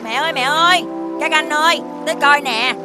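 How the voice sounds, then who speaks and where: A woman's voice: sits high, brisk, music in the background, voice pushed up, close to an everyday voice. A woman voicing a tearful young prince boy in a cartoon, childlike.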